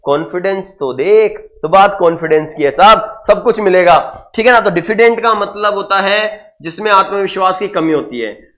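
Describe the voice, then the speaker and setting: A man's voice: high-pitched, normal speed, bright, forceful tone. A man teaching English vocabulary in an online exam-prep lesson, explaining in Hindi mixed with English and often repeating key words. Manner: addresses students as guys and sir, frequent checks like okay.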